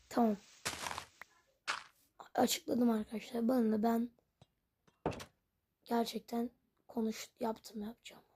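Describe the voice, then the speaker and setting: A woman's voice: on the high side, a little mellow, slight background noise. A woman commenting on her own game as she plays, puzzled and rambling, and she keeps talking to her viewers. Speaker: gaming channel host. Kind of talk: Minecraft let's play commentary.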